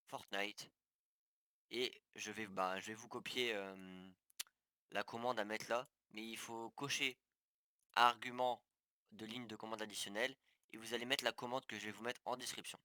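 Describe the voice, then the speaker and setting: A man's voice: lowish voice, steady tone, a little slow, pauses often, sharp tone, no room sound, clean studio sound. Hesitant man explaining game settings. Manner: hesitant, many fillers and restarts; talks viewers through steps on screen. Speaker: gaming tutorial youtuber. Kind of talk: casual screen-recorded tutorial.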